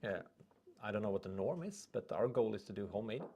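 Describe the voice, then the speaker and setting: A young Swedish man hosts a casual livestream in English, his second language, rambling, reading viewer comments aloud and stumbling over his words. His fairly low voice is expressive and fast, with noise in the background.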